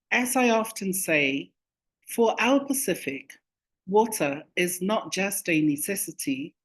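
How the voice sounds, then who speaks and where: A woman delivering a formal, measured welcome address as a chairperson. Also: on the low side. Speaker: government chief executive and task force chair. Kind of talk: formal prepared welcome speech.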